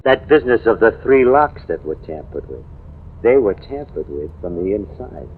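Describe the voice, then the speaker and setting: Playing a slangy, insistent newspaperman in an old-time radio drama, a man uses a sing-song voice on the low side at a moderate pace. The character is a cocky, knowing, hard-drinking American theorizing about a killer, and the vintage radio recording is tinny and noisy.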